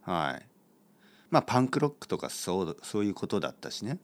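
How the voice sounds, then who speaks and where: A man's voice: fairly low pitch, very animated, brisk. A man hosting his own podcast in a casual, rambling way, with many fillers and playful self-mockery. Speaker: podcast host. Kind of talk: casual solo podcast talk.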